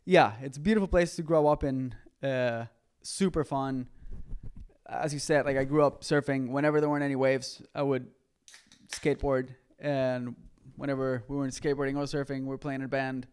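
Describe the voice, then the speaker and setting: Costa Rican young man, smooth voice. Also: mid-range voice, moderate pace. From Costa Rica. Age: young adult. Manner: relaxed, filler-heavy, says like often. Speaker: guest musician. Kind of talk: casual chat.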